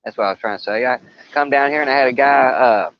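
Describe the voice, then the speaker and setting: An older man chats on a live fishing stream outdoors by a river, his folksy storytelling wandering with stumbles and restarts. His medium-pitched voice moves fast. The audio is dull and carries a little hiss or hum.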